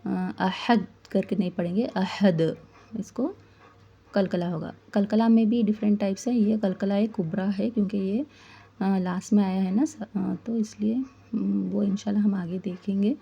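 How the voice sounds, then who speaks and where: Woman teaching Quran recitation, dark husky voice. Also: mid-range voice, steady tone, moderate pace, lo-fi sound. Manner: asks questions and answers them herself, explaining patiently. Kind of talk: tajweed lesson.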